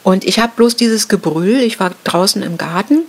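A middle-aged woman recounts a traumatic event in an interview. She talks in a halting way, with fillers and restarts, and her pitch sits in a middle range for a woman. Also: darkish tone. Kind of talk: emotional personal account.

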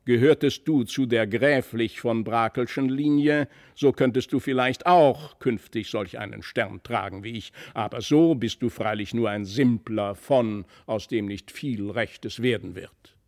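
A man's voice: mid-range voice, measured pace, few pauses, natural voice. A man reading aloud, voicing a pompous noble uncle who talks down to a small boy. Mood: condescending. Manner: condescending, pompous.

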